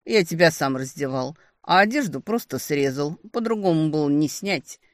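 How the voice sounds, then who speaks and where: A woman's voice: sits low, expressive, moderate pace, no echo. A woman playing a cocky, possessive male demon in an audiobook, in a mocking, smug tone close to her own voice. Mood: teasing.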